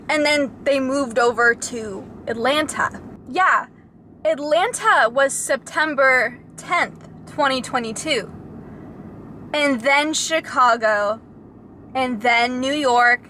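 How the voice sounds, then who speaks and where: Bubbly high-voiced young woman in a car. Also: a little hiss or hum. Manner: bubbly, excitable, with sudden squeals and laughs. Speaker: vlogger reacting to a show. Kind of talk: casual reaction chat. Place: inside a parked car. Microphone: camera mounted facing her.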